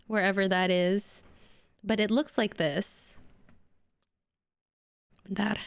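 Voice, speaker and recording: Speaking at a medium pitch, a woman streamer with a slight Indonesian accent keeps up chatty, giggly banter with her audience. She jokes around even though her stomach is upset and she's feeling poorly.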